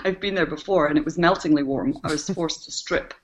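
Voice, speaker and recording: A woman's voice: low voice, fairly quick, highs cut off. A woman co-hosting a podcast, chatting in a dry, wry way and laughing often. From Scotland. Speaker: podcast co-host. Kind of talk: casual podcast chat.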